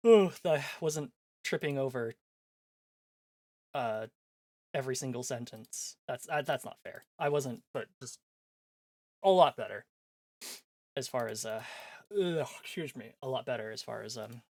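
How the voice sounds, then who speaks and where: Over background music, a man streaming a game chats casually in a rambling, self-deprecating way and reads a visual novel aloud. His medium-pitched voice has a darkish tone, a measured pace and long pauses.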